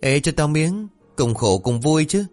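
A man's voice: on the high side, very animated, measured pace, a little mellow, soft background music, pitched above the performer's own voice. A man voicing a mischievous village boy who begs and wails through tears. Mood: pleading. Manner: wailing, begging, tearful. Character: cowardly prankster village boy.

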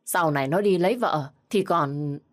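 A woman's voice: fairly low pitch, normal speed, close to an everyday voice. A woman voicing a harsh, berating elderly mother-in-law in a storybook reading. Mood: scolding.

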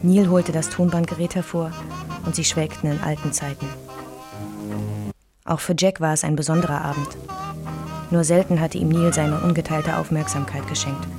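Music runs in the background as an actress narrates a radio drama in the first person, portraying a wounded, reflective woman remembering her married life. She speaks low and steady, in a measured and intimate manner.

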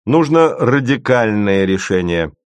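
A man's voice: fairly low pitch, very animated, no echo, pitched above the performer's own voice. A man reading an audiobook voices a cautious, shy boy who speaks carefully. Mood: measured. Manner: careful, measured.

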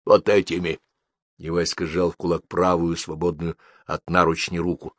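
Brief: steady low male narrator, dry close studio sound. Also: moderate pace, no room sound. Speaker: audiobook narrator. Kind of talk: scripted audiobook narration.

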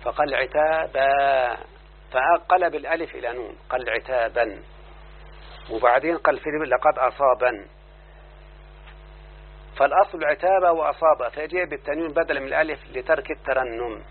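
Male grammar teacher, Egyptian accent, mid pitch, questions the class often; narrow tinny sound. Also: brisk, long pauses. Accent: Egyptian Arabic. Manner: explains then checks the class with repeated questions.

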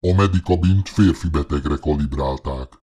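Casting: man as cold medical machine, very deep, husky, flat clipped delivery. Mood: flat, mechanical.

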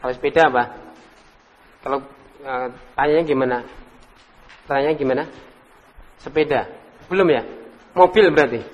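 Reverberant religious teacher drilling students. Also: male voice, medium pitch, highs cut off. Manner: quizzes students by name, praises answers, repeats drill words slowly. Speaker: Islamic teacher leading an Arabic class. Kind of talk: interactive classroom lesson. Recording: reverberant room recording.

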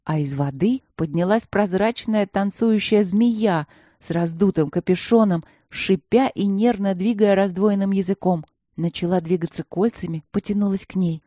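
Woman narrator for a fantasy audiobook, mellow, lively storytelling, dry. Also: medium pitch, moderate pace, no echo. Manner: lively storytelling with character voices. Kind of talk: scripted narration.

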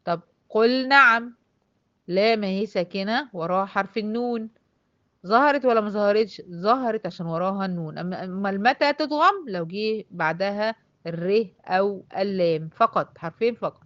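A woman's voice: mid-range voice, brisk, no echo, muffled recording. Egyptian woman teaching a tajweed class. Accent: Egyptian Arabic. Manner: explains step by step, asks and answers her own questions, drawls out example words. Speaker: Quran recitation teacher.

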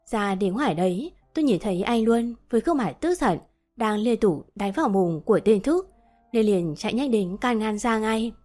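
Young woman, first-person story narration, gentle, even, mid-pitched, faint music underneath. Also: normal speed. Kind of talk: scripted narration of a romance story. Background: faint background music.

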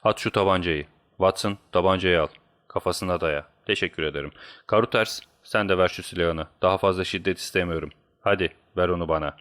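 A man's voice: low-pitched, a little fast, fairly bright tone. A man voicing a cold commanding detective. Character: cool commanding male detective, calm authority.

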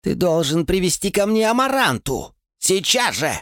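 A man's voice: fairly high pitch, wildly swooping pitch, normal speed, a bit bright, dry recording, studio quality, pitched above the performer's own voice. A man reading aloud, voicing a sick, imperious middle-aged king who barks short orders in an audiobook. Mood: urgent. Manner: commanding, barking orders.

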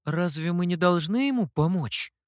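Xiao Tu, a naive young scribe, voiced by a reader. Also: male voice, sits high, expressive, moderate pace, darkish tone, no room sound, studio quality, pitched above the performer's own voice. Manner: innocent, questioning.

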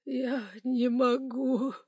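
Woman playing a terrified male banker, sobbing, pleading, high, dry. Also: little pitch movement, drawn-out words, a little mellow, slightly rough, dry recording, muffled recording, exaggerated voice.

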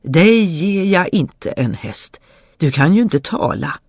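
A storyteller voicing a stern old father who speaks slowly and scoldingly. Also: medium pitch, lively intonation, slightly rough, dry recording, clean studio sound, voice pushed up. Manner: slow, scolding.

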